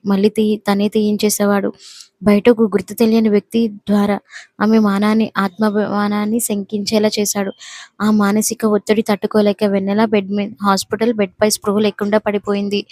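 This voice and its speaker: Flat-voiced woman storyteller. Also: mid-range voice, no room sound, clean studio sound. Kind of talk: scripted story narration.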